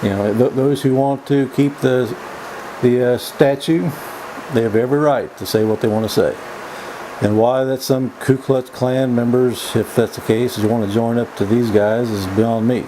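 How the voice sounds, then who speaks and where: A man's voice: mid-range voice, steady tone, moderate pace. Folksy man rambling over noisy background hum. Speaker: vlog host. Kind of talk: rambling opinion monologue, casual smoke-and-chat vlog. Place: indoors.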